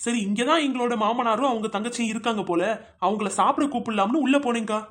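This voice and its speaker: A man's voice: very high-pitched, fast, fairly bright tone. A man voicing a chatty, gossipy young village housewife in a cartoon comedy. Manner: chatty storytelling, teasing friends with nicknames.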